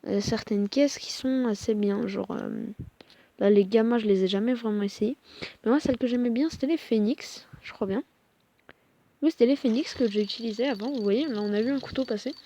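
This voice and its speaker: A young woman talks casually over a mobile game, hesitant, full of fillers and quick apologies. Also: on the high side, dark tone. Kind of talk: casual gameplay commentary.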